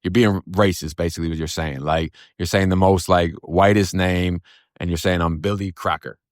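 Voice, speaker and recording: Deep-voiced man telling a blunt street story. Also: fairly even intonation, normal speed, dry recording, studio quality. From Florida. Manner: blunt, profane street slang, frequent "bro" and "man". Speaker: storyteller recounting his past. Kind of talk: casual first-person storytelling.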